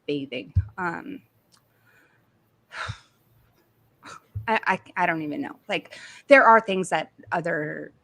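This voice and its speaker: A Canadian woman with a Canadian accent, talking in a rambling casual chat full of "like" and quick laughs, as co-host. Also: fairly low pitch, vocal fry, fairly bright tone. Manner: rambling, heavy use of "like", frequent laughs.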